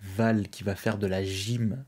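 A man's voice: on the low side, little pitch movement, takes it slowly, darkish tone, husky. A young man hosting a live stream, casually chatting and reading out viewers' messages. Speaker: livestream host. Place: indoors, at a streaming desk.

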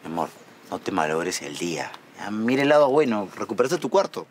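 An actor playing an affectionate, encouraging young boyfriend with a Peruvian accent in a telenovela. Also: male voice, fairly low pitch, sing-song, a little fast, slight background noise. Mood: reassuring. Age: 20s. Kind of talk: telenovela acting.

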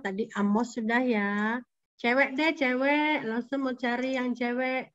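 Sunday school teacher lady, high bright voice, keeps asking the kids stuff, kinda muffled lo-fi sound. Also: unhurried. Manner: animated, coaxing, asks kids questions. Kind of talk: lively sermon for children. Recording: dull lo-fi recording.

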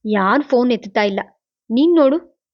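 A woman's voice: on the high side, animated, moderate pace, no room sound, muffled recording. A woman reading as a stern young doctor. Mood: curt.

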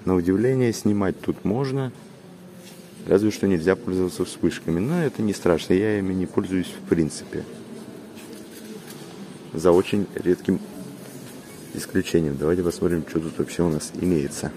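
A man's voice: low voice, moderate pace, long pauses, background noise. A man vlogging inside a large cathedral, with cathedral echo on his voice, hesitantly reading the signs aloud with filler sounds. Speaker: travel vlogger. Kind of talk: casual vlog narration, reading signs aloud.

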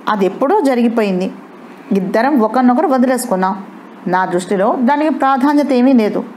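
A woman's voice: fairly high pitch, lively intonation, a little fast, warm tone, slight background noise, pitched above the performer's own voice, close to an everyday voice. Brief: a defiant young wife, read by a woman, cool and cutting.

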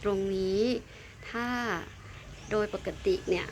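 A woman's voice: slow pace, a little mellow. A woman co-hosting a casual product demonstration outdoors. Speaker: co-host of a product test. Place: outdoors by a lake. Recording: clear outdoor ambient noise.

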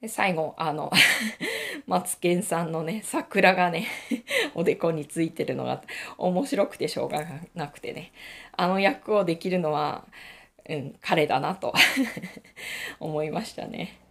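A woman's voice: on the low side, big pitch swings, measured pace, vocal fry. A middle-aged woman hosting a casual radio-style knitting talk, chatty and reflective, laughing often. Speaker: knitting channel host.

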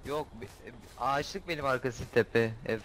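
A man's voice: mid-range voice, moderate pace, fairly bright tone. A man playing along with a friend, casually and patiently explaining each step of the game. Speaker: co-player guiding the host. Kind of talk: casual gaming chat.

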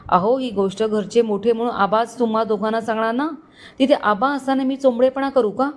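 A woman's voice: fairly high pitch, darkish tone, lightly acted. A woman narrator voicing a young married woman who speaks in an emotional, pleading way.

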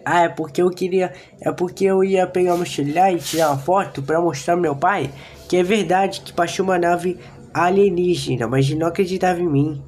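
A man voicing an excitable little boy who yelps and talks quickly in a raised voice. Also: high voice, voice pushed up, lightly acted. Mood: eager.

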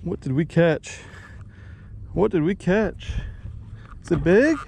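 A man's voice: high-pitched, expressive, slow, gravelly, a little mellow, a little hiss or hum. Man, thirties, fishing vlogger, self-mocking, action-camera sound outdoors, light water ambience. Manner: chatty, talks to his dog, self-mocking. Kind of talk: casual running commentary. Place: outdoors on a bass boat on a lake. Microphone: action camera on the boat.

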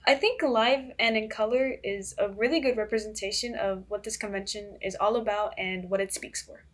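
A woman's voice: mid-range voice, steady tone, normal speed. A teenage girl who is a guest on a student podcast, eager and a little rehearsed. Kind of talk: podcast interview.

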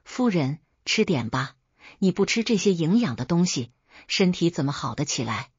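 A woman's voice: fairly low pitch, big pitch swings, normal speed, breathy edge, no echo, highs cut off, full character voice. A woman voicing a caring middle-aged housekeeper who talks in an apologetic, coaxing way.

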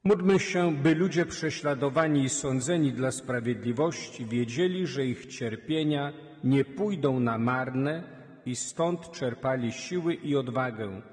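A male priest reads scripture and intentions in an even, measured liturgical cadence. His voice sits at a middle pitch. The sound carries a long reverb from a large church. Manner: steady liturgical reading. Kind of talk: reading the Gospel and leading prayers at Mass.

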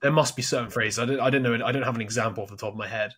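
A man's voice: mid-range voice, steady tone, racing, fairly bright tone, husky. A man co-hosting a casual book-summary chat, thinking aloud with many restarts. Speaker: podcast co-host.

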